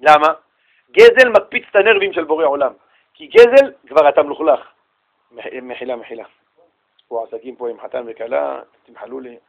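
Man, high voice, rabbi teaching a class, animated storyteller, radio sound. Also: vocal fry, lo-fi sound. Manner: animated storytelling, acts out little dialogues. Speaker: rabbi giving a Torah class. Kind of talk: lively religious class.

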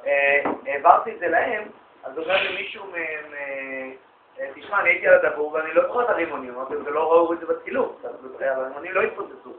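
Male lecturer, higher-pitched voice, spins anecdotes and plays out the dialogue, recorded lo-fi and phone-like. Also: echoey room, background noise. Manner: lively anecdotal storyteller, acts out quoted dialogue. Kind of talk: storytelling lecture to an audience.

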